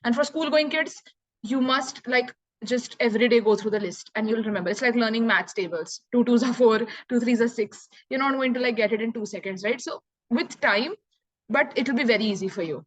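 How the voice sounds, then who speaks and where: Young indian lady tutoring french, chatty and encouraging, kinda high voice, dry close sound. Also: no room sound, low-quality recording. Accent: Indian English. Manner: chatty, encouraging, counts numbers aloud slowly. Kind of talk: online language lesson.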